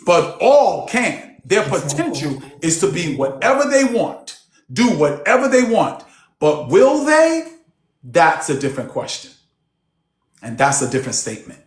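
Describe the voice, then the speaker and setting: Guy coaching a group on a video call, preachy and emphatic, kinda high voice, echoey room. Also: very animated, a little slow. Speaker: personal development coach. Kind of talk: motivational group coaching session. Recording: roomy echo on a call.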